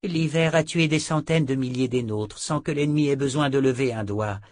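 A somber sorceress lectures her emperor on death and danger, as a man reading the book puts her on. The voice sits noticeably higher than his narration, and the reading is dry and close, with no room sound. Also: moderate pace, dry recording, close to an everyday voice. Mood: grave. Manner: lecturing, grave. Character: weary sorceress sister, somber and grave.

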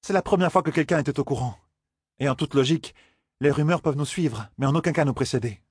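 A man voicing a stern older sorceress who lectures her young charges, in a husky voice for an audiobook. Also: on the high side, quick pace, dry recording, studio quality, voice pushed up. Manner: scolding, lecturing. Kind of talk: audiobook character voice.

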